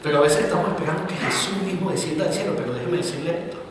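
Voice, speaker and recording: A man preaching a sermon as pastor, swinging between loud emphatic bursts and quiet asides. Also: on the high side, very fast, noisy background. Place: church hall. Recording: roomy, reverberant church recording from a distance.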